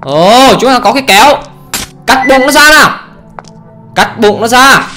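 A man giving let's play commentary on a horror game, excitable and often exclaiming and swearing casually. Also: very high voice, unhurried, faint music behind. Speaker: gamer, channel host.

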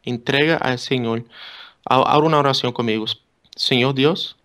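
A Brazilian pastor with a Brazilian accent leads prayer and talks earnestly on a call-in radio ministry show. His medium-pitched, fairly bright voice runs a little fast, and he preaches with repeated phrases.

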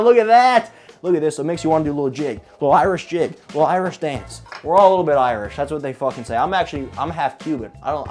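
Fast-talking, swearing home cooking host. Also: male voice, fairly high pitch. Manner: joking and profane, chatty. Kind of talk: casual cooking vlog. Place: home apartment kitchen.

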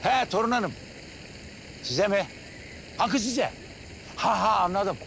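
An actor playing a commanding village patriarch who hands out orders in a TV comedy. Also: male voice, high-pitched, lively intonation, vocal fry, background noise, full character voice. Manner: commanding, brisk. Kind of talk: TV comedy acting.

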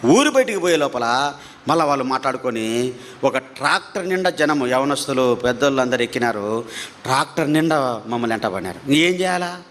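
A man preaching his testimony as a story, animated, his pitch climbing at tense moments, repeating phrases for emphasis. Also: a little fast.

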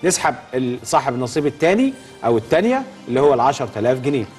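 A middle-aged Egyptian-accented man hosts a live prize draw on television. He talks extremely quickly at a medium pitch, in a hyped, emphatic giveaway style that repeats key phrases. Faint music plays behind him. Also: very animated, a little mellow. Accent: Egyptian Arabic. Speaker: TV host. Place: TV studio. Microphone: lapel.

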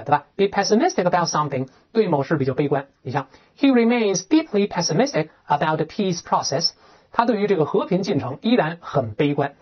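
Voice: medium pitch, husky, muffled recording. An English teacher working through a textbook lesson, asking rhetorical questions and reading example sentences aloud. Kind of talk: explaining a textbook lesson in Chinese.

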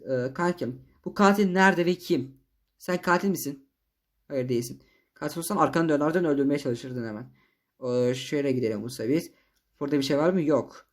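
Fast-talking, high-voiced young gamer man. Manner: chatty, excitable, slangy, with frequent fillers. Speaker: gaming YouTuber. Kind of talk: casual gameplay commentary.

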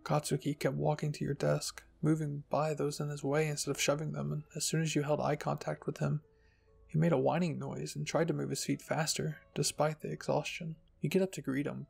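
A narrator and channel host reads fan fiction in a soft ASMR style, with light music playing behind him. His voice is slightly high and creaky, and his delivery is even and husky.

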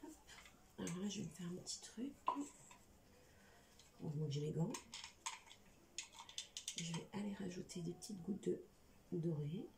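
In an echoey indoor room with faint background noise, a woman at a craft table hosts a hands-on tutorial, chatting informally. Her voice is low-leaning and mellow with vocal fry, at normal speed with long pauses, and she has a slight lisp on s sounds.

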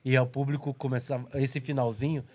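A man's voice: mid-range voice, little pitch movement, darkish tone, husky. A man in his sixties with a Brazilian accent, co-hosting a podcast in casual studio chat, joking and telling little stories into a desk microphone. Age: 60s. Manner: jokey, storytelling, quick to laugh. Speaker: podcast co-host. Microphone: desk microphone on boom arm.

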